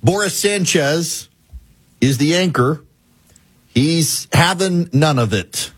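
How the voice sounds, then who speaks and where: Husky-voiced Southern talk radio host. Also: male voice, on the high side, lively intonation, slow, dry recording. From American South. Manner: folksy, sarcastic, emphatic.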